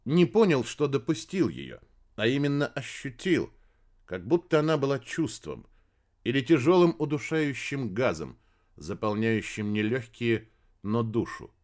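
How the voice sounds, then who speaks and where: A man reading a story aloud in a dramatic, expressive audiobook narration. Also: medium pitch, a little slow.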